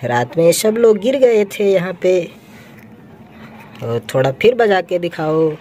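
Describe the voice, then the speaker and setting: A woman's voice: fairly low pitch, big pitch swings, unhurried, mellow, a little hiss or hum. A woman narrating toy play for children, exclaiming over the toys and coaxing them like little kids.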